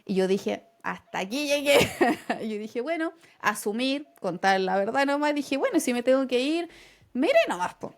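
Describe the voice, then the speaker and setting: A woman's voice: high-pitched, normal speed. A young woman with a Chilean accent, co-hosting a casual podcast and telling a personal story, acting out the lines she quotes with laughter. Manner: animated, acts out quotes with laughter. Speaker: podcast co-host.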